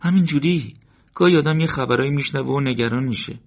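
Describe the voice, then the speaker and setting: A man's voice: medium pitch, pitched above the performer's own voice, close to an everyday voice. A man voicing a guarded, worried young man, the older brother, in an audiobook. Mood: uneasy. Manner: guarded, uneasy. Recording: dull lo-fi recording.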